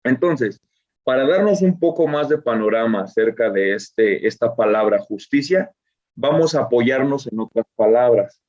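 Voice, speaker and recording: Man, bible teacher, explanatory, rhetorical questions, slow verse reading, dull lo-fi sound. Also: mid-range voice, lively intonation, a little mellow. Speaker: preacher.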